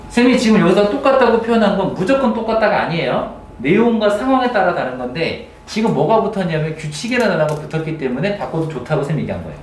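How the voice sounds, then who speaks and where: A male teacher giving a grammar lecture to a class, often checking in with quick questions. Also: on the high side, a little hiss or hum. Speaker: English teacher. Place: classroom with students. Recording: roomy classroom, mic at a distance.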